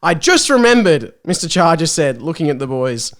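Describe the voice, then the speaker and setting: Over some background noise, this male podcast host speaks at a moderate pace in a fairly high, very animated voice. It's a casual comedy chat in which he reads his old fan fiction aloud, poking fun at himself and laughing often.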